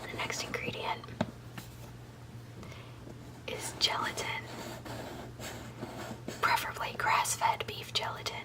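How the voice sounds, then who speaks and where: A woman's voice: slow, long pauses, recorded from a distance. Whispering woman giving an ASMR recipe. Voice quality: soft unvoiced whisper. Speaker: video host.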